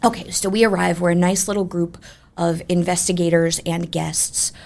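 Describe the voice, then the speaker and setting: Creaky-voiced woman telling ghost stories. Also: lowish voice, moderate pace. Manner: animated, chatty, emphatic. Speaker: ghost tour guide, interview guest. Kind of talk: conversational ghost storytelling.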